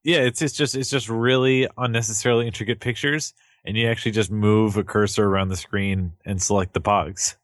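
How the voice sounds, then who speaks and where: A man co-hosting a casual comedic chat, cutting in with wry, quick jokes. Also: lowish voice, fairly even intonation, no room sound, clean studio sound. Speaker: podcast co-host.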